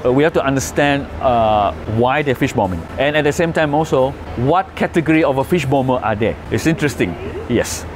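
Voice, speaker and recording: Music plays behind this middle-aged man from Malaysia as he presents on conservation and fields questions from the audience. He speaks fairly quickly in a mid-range voice with lively intonation, though he hesitates and frequently starts his sentences over.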